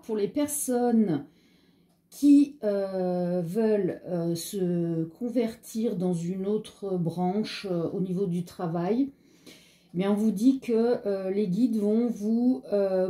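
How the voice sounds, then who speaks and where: A woman with a French accent talks slowly through a casual tarot reading, pausing on fillers and drifting into chatty asides. Her voice is mellow and soft-edged, with a slight frog in her throat. The delivery is unhurried and conversational. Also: mid-range voice. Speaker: tarot card reader.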